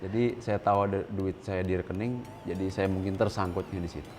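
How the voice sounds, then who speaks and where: Earnest low-voiced man in his thirties. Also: little pitch movement, brisk, darkish tone, faint music behind. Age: 30s. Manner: earnest, mixes English words, stressed rises when quoting others. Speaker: interview guest. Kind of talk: candid interview talk.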